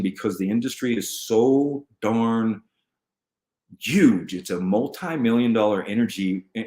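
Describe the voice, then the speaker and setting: A man's voice: on the low side, a little mellow. A man hosting a casual live stream, rambling between topics with frequent restarts and reading viewer comments aloud. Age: adult. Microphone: computer mic at a desk. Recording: roomy echo.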